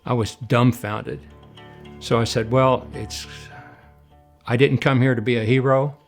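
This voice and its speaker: An older man with a gravelly, fry-edged voice, recounting his military years in an even, flat delivery. He talks casually with a few fillers, and soft music plays underneath. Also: mid-range voice, a little slow. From Oklahoma and Oregon, USA. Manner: plain, even-toned recollection with fillers. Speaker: retired Marine colonel, interview guest. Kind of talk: casual storytelling interview.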